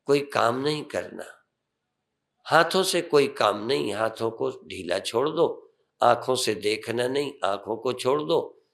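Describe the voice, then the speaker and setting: An older man, a swami, giving a sermon and guiding a meditation with calm instructions and rising emphatic phrases. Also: mid-range voice, a little slow, creaky.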